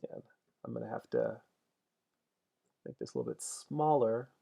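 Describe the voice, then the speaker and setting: Forties guy, bit of gravel in the voice, easygoing livestream chatter while painting. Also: medium pitch, huge pitch swings, moderate pace, mellow. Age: 40s. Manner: thinks aloud, chatty, answers viewer comments. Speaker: digital painter streaming his work.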